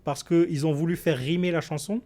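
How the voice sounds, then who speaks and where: Guy on a podcast, voice a bit high, blunt and kinda worked up about his opinions. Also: steady tone, moderate pace, mellow. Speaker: podcast panelist. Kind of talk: casual debate chat.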